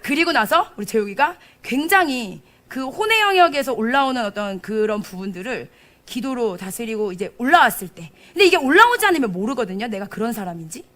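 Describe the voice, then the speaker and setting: A young adult woman pastor preaching a sermon, telling stories with animated quoted speech and frequent laughter. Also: on the high side, fairly quick. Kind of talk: sermon with storytelling. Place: church service.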